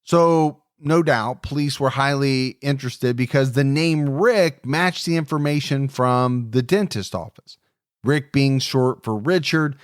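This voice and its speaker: A man's voice: medium pitch, measured pace, smooth, no echo, studio quality. A man co-hosting a true crime podcast, talking in a conversational, emphatic way and reading case narration. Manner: conversational, emphatic, restarts phrases. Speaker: podcast co-host.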